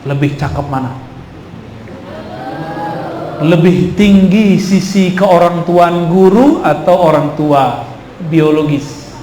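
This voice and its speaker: A man's voice: on the high side, takes it slowly, long pauses, warm tone. A man giving an Islamic study talk to a live audience, conversational and quizzing his listeners. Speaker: preacher. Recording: echoey hall with faint noise.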